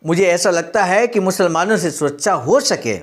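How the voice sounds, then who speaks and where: A man with a distinctly high-pitched voice reads aloud a historical speech and comments on it the way a speaker would, animated and at a normal speed. His tone is earnest and exhortative as he shifts between the recited text and explanation directed right at the listener.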